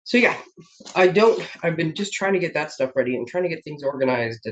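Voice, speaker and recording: A woman with a low voice and lively intonation talks fairly quickly as she hosts a relaxed papercraft live stream at her home desk, with slight background noise. Rambling and often laughing, she's a little congested from a sinus infection. The webcam setup produces dull, lo-fi stream audio.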